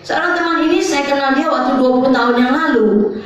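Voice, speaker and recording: A woman's voice: sits high, brisk. An older woman pastor, telling a testimony in a sermon and often turning to address the congregation. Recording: very echoey hall, mic far off.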